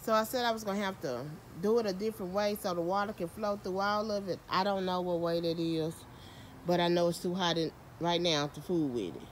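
Talking fairly quickly in a lowish voice, a woman films a chatty, self-deprecating garden tour outdoors on a handheld phone camera. She's a home gardener and vlogger who uses Southern US slang, and a faint hiss or hum is audible.

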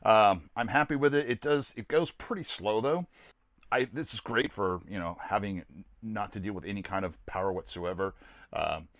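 An older American man around his sixties, host of a camping gear video series, gives a casual, plainspoken product review to camera inside a small camper trailer. He rambles folksily in a lowish, fairly bright voice at a normal speed.

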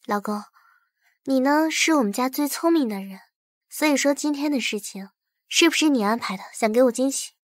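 An actress playing a patient young wife who coaxes and gently scolds her husband. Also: high voice, lively intonation, moderate pace, no room sound, clean studio sound. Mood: coaxing. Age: young adult. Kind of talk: short romantic drama acting.

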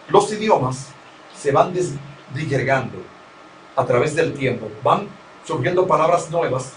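Picked up by a distant mic in a roomy space with slight background noise, a man with a Dominican accent speaks in a fairly high voice. He is a seasoned radio broadcaster being interviewed, and he talks in an emphatic, lecturing, instructive way, repeating his main points.

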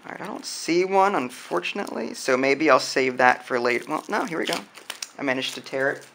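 The man speaking hosts a board game unboxing channel and is thinking aloud in a relaxed, informal way as he handles things at a wooden table indoors. He talks a little fast in a mid-range, gravelly voice with a fairly bright tone and lively intonation.

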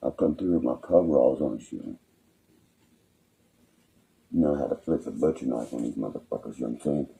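A young man with a West Virginian accent rants angrily on a phone live stream from a small room at home, rambling, threatening and swearing constantly. His bass voice is brisk, warm and husky, with vocal fry and long pauses.

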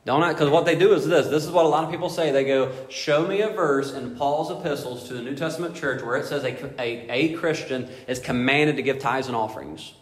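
A man's voice: a little high, brisk, hardly any pauses. A man preaching a sermon as pastor, emphatic and full of rhetorical questions. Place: church sanctuary. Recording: echoey hall reverb.

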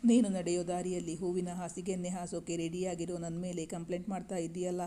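A woman's voice: fairly low pitch, flat delivery, quick pace, dark tone, natural voice. A woman reading the lines of a young man, a playful and reassuring boyfriend, in a storybook.

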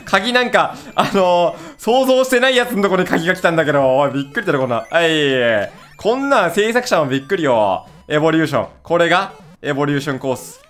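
A young man giving casual, excitable let's-play commentary, blurting quick reactions and rough, playful jabs. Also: on the high side. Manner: rough casual talk, playful mock scolding. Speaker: gaming video host.

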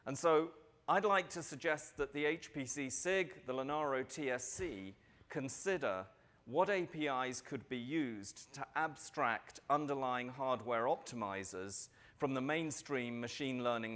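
Middle-aged man giving a keynote. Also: medium pitch. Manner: measured, steady delivery with occasional fillers. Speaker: conference keynote speaker. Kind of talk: prepared keynote speech. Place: large indoor conference stage.

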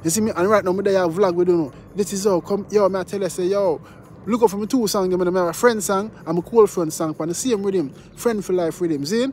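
A man's voice: sits high, brisk, a little mellow, a little hiss or hum. A man reviewing a song in casual chat, talking in patois phrasing and singing along at times. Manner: Jamaican-style patois phrasing, sings along. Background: music playing.

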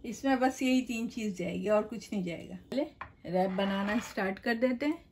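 Speaking in a mid-range voice at normal speed, a middle-aged woman guides her cooking channel viewers through a recipe one step at a time, chatty and direct, from her home kitchen. A slight hiss or hum can be heard.

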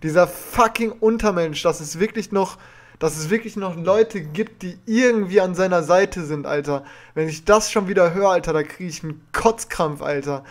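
Indignant young man, fairly high voice. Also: normal speed. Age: young adult. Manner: indignant, confrontational, swearing. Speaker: reaction video host. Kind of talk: reaction commentary, addressing a rival. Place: small room at home.

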